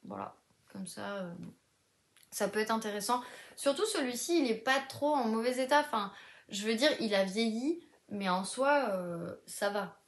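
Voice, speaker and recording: A woman's voice: on the high side, lively intonation, normal speed. A woman, a book vlogger chatting casually with many fillers and restarts, sometimes reading blurbs aloud. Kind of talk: casual chat, reading back covers aloud.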